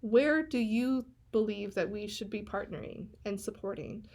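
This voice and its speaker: A woman's voice: mid-range voice, moderate pace, a little mellow. A woman pastor hosting a casual, enthusiastic chat. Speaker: pastor and host.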